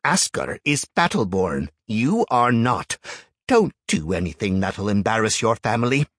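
A man's voice: very animated, measured pace, a bit bright, breathy edge, dry recording, exaggerated voice. A man voicing a pompous, haughty middle-aged male clan arbiter who proclaims and threatens from above. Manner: haughty, booming.

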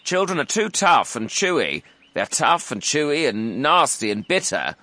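Smaller scornful crocodile , acted by a man: raised, bright voice, indignant and snippy, storybook scolding. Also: fairly high pitch, big pitch swings, normal speed, voice pushed up. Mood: disgusted. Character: smaller, disapproving, scornful not-so-big crocodile. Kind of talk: children's storybook character reading.

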